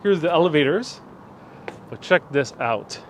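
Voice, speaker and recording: A Puerto Rican vlog host live-streams a casual tour of a large outdoor sculpture park, chatting and reading viewer comments aloud. His voice is on the high side with lively intonation and a slightly slow pace. He's recorded on a phone gimbal with a wireless mic, and there's a little hiss or hum.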